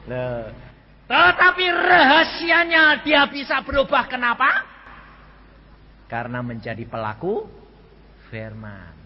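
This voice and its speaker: A man's voice: extremely high pitch, huge pitch swings, slow, pauses often. An older man with a Javanese accent preaching a sermon, telling stories with animation and acting out the people in them. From Central Java, Indonesia. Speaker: evangelist preacher. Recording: dull, reverberant hall recording with faint noise.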